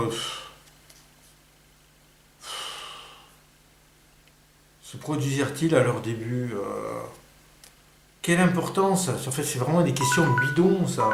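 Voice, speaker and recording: The host of a record-collecting channel, a man with a medium-pitched voice and a roomy sound, runs a casual solo music quiz. He thinks aloud, muttering and sighing over the answers before perking up.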